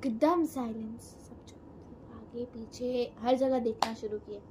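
Lively teen girl telling a spooky tale. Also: a little high, a little hiss or hum. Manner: animated, fast, mixes Hindi with English. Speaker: co-host storyteller. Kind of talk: casual horror storytelling. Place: indoor room, on a sofa.

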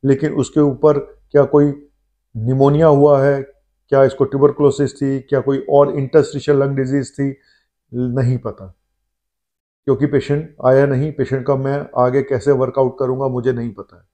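A middle-aged man, a doctor, talking to the camera from his clinic about a case on a lapel mic, measured and thinking aloud with "uh" pauses. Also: mid-range voice, little pitch movement, warm tone. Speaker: doctor hosting his own health channel. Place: indoor clinic room. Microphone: lapel mic, seated facing the camera.

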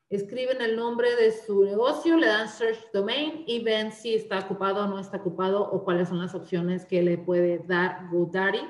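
Slow, echoey woman teaching a class. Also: on the high side. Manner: explanatory, with frequent "eh" fillers and restarts. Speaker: marketing class instructor. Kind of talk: online class presentation with slides.

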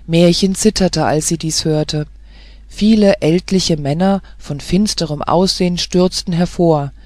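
An audiobook narrator reading a fairy tale in a measured, even storytelling manner. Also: mid-range voice, no echo, studio quality.

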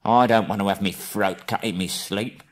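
Man doing a gruff, quarrelsome troll. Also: fairly low pitch, fairly even intonation, moderate pace, natural voice. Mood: gruff, menacing. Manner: coarse rustic speech.

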